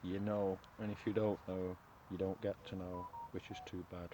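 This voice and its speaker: A man's voice: sits low, level tone, normal speed, background noise. A man chatting casually as an off-camera companion, making offhand remarks. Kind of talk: casual chat.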